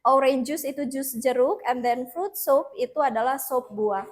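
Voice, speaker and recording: A high-voiced woman leads an English lesson in a classroom, switching between two languages. She runs slow repeat-after-me drills.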